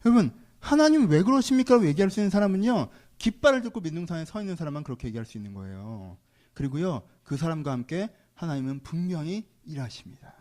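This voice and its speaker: A man preaching a sermon in a high, lively voice that leaps around his range. He challenges the congregation with rhetorical question after question. He moves between forceful exhortation and soft, low asides. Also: fast talker. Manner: swings between loud exhortation and quiet asides. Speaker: pastor.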